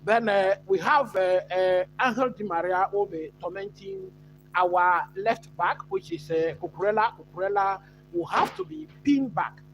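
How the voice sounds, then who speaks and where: A man's voice: high-pitched, expressive, moderate pace, a bit bright, a little hiss or hum, rough recording. Chatty Ghanaian man hosting a live stream. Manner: chatty, answers live chat, many fillers. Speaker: watch-along host. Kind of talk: live stream football chat.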